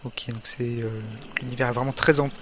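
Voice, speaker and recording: Casting: man, mid-pitched voice, halting let's-play commentator, faint hiss behind. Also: fairly even intonation. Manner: hesitant, halting, many fillers and restarts. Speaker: gamer.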